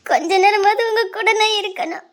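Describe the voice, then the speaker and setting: Woman as heartbroken young woman, sobbing and begging; very high, thin voice. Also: fairly quick, fairly bright tone. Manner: sobbing, begging, repeating herself. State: crying. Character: heartbroken young woman clinging to her departing lover. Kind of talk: Tamil web drama voice acting.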